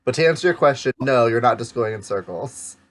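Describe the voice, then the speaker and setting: Lively, chatty let's play host. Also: male voice, mid-range voice, fairly quick. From Pacific Northwest. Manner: chatty and upbeat, guiding the player. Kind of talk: casual chat.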